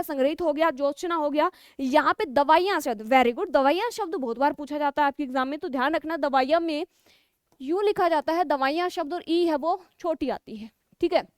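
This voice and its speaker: A woman teaching a Hindi spelling lesson for exam students, explaining step by step, slowing down to spell out key words, and checking in with her listeners. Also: high-pitched, no room sound, clean studio sound. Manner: explains step by step, keeps checking with 'ठीक है'.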